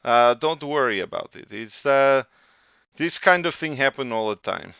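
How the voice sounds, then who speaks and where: Evasive dockworker, thick Russian accent, shrugging everything off; male GM voicing. Crisp, bright tone. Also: mid-range voice, animated, normal speed, dry recording, pitched above the performer's own voice. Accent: Russian, put on. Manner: dismissive, brushing off questions. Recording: dull lo-fi dry sound.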